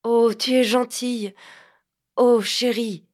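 A woman's voice: mid-range voice, a little slow, darkish tone, lightly acted. Woman doing a lovesick teenage boy. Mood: pleading. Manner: pleading, tender.

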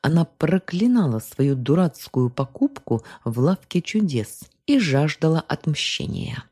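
A woman reading a short story aloud as narrator, with expressive storytelling. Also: low-pitched, unhurried, slightly rough. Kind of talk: scripted audiobook narration.

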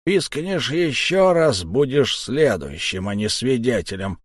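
A man voicing a slow, menacing wolfish brute. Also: medium pitch, big pitch swings, no room sound, studio quality. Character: brutal drunken wolfish male ship boarder. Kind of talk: audiobook character voice.

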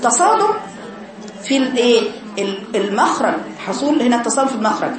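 A woman's voice: fairly high pitch, a crowd in the background. Egyptian woman teaching recitation, echoey. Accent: Egyptian Arabic. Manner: repeats sounds slowly to demonstrate, corrects mistakes. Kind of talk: tajweed lesson to girls.

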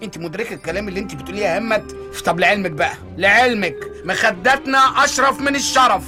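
A man's voice: high voice, fairly bright tone. An actor playing a flustered, sarcastic Egyptian husband in a radio comedy series, bickering with his wife and a friend. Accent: Egyptian Arabic. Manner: fast sarcastic comic delivery. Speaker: husband character Shawki. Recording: radio drama with music bed.

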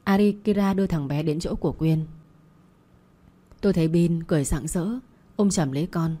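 Brief: a woman storyteller, soft dark tone, steady and calm. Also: on the low side, moderate pace. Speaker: audiobook narrator. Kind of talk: first-person story reading.

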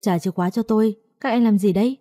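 A woman's voice: medium pitch, quick pace, mellow, dry recording, clean studio sound, close to an everyday voice. A woman reading aloud, voicing a young wife who pleads and resists. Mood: pleading. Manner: pleading, defiant. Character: frightened young wife pleading for her husband.

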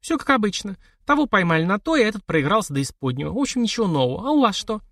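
A man's voice: sits high, big pitch swings, racing, fairly bright tone, no room sound, studio quality, pitched above the performer's own voice, exaggerated voice. A man voicing a playful, mocking widowed society lady in an audiobook. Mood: teasing. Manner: teasing, flippant.

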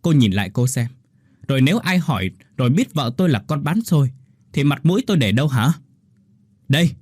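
Guy doing a nasty arrogant husband yelling down at his wife, husky voice, swings all over. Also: mid-range voice, big pitch swings, a little fast, dry recording, studio quality. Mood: contemptuous anger. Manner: harsh scolding and contemptuous. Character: angry arrogant male sales director husband.

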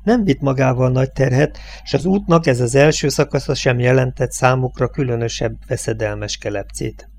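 A man narrating a novel as an audiobook, reading in a measured, steady way. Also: mid-range voice. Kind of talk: scripted narration.

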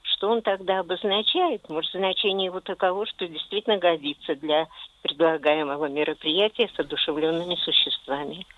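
A woman's voice: on the low side, fairly even intonation, brisk, fairly bright tone, low-quality recording. Earnest female radio caller. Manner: earnest, hesitant. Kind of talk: question on a call-in show.

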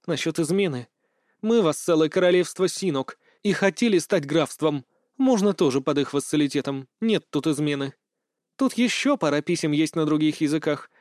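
A weary, stubborn baroness, voiced by a man in an audiobook. Her speech is tired and pleading, set a little higher than plain narration, in a dry, close recording. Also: a little mellow, no echo, lightly acted.

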